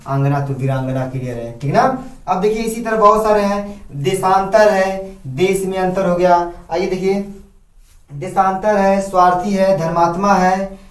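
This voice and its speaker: A man teaching a grammar lesson in a classroom style. He repeats each point and keeps asking his students questions, then answers them himself. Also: high-pitched. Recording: echoey room, voice from a distance.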